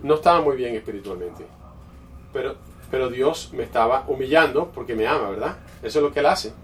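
A man's voice: mid-range voice, expressive, brisk. Distant-miked male preacher. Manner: conversational storytelling with frequent restarts. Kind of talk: sermon with personal story. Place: church. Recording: distant mic with faint background noise.

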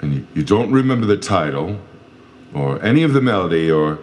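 A man's voice: deep voice, very animated, fairly quick, a little mellow. A man voicing a drunk, gloomy private investigator who rambles in a befuddled, self-pitying way in a comedic audio drama. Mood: flustered.

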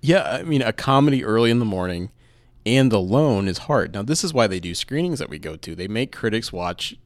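Male podcast co-host, low voice, dry close sound, relaxed film chat. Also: fairly quick, no room sound. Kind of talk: casual film review chat.

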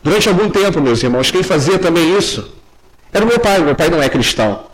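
A young man preaching a sermon earnestly, dropping low and soft when he addresses the congregation. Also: big pitch swings, fast talker, rough recording.

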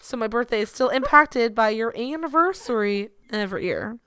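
Young woman podcast co-host, playful and sarcastic, smooth clear voice, close dry mic. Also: a little high, expressive, moderate pace, sharp tone, no room sound. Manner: playful, sarcastic, laughs often. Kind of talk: casual chat. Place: indoors at a table.

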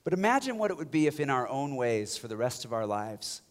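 A man preaching a passionate sermon as a pastor, swinging from loud exhortation down to hushed, near-whispered lines. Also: medium pitch, sing-song, fairly quick.

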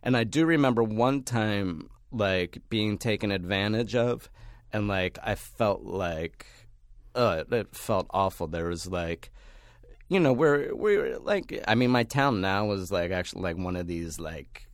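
A man with a fairly low voice tells stories from his past in a loose, rambling way. He leans hard on fillers and swears freely. The sound is close and dry, with no room around it. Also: expressive, measured pace, dry recording. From Pennsylvania, United States. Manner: rambling, heavy use of fillers, blunt and profane. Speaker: podcast guest. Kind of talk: casual storytelling.

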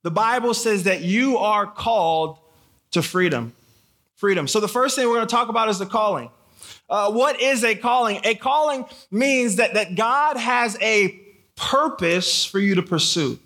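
Born in Haiti and raised in Michigan, this American guest camp preacher speaks in a high, bright, pushed voice that is expressive and unhurried. He preaches conversationally to a live crowd of teens, casually repeating phrases and putting questions to them.

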